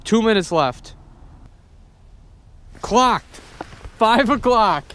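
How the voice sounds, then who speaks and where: A young man chatting casually to camera in an informal, excitable way, swearing freely. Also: sits high, extremely slow, clean tone. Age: young adult. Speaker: vlogger, fishing host. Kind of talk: casual outdoor vlog chat. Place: outdoors on a frozen pond and by a river. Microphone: handheld or body-worn action camera. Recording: noisy outdoor action camera audio.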